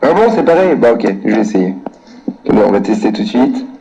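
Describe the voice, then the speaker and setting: A man rants furiously and swears nonstop at customer service in a prank call, muttering to himself between calls. His mid-range voice is gravelly and dark, fast, with big pitch swings, and the phone recording has an echoey room sound.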